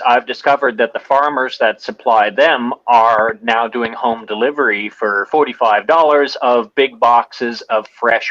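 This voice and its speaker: A man's voice: mid-range voice, fairly bright tone. A joking man from Australia, chatting on a video call. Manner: joking, plays up Australian clichés. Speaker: realtor in a marketing group. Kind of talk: casual video call chat. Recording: dull lo-fi call audio.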